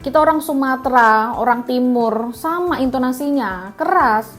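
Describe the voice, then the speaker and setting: A middle-aged male minister, defensive yet apologetic, laughing off his own loud tone, as a woman news host puts him on. His voice sits high, with faint music underneath. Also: lively intonation, moderate pace. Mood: apologetic joking. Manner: apologetic, self-deprecating.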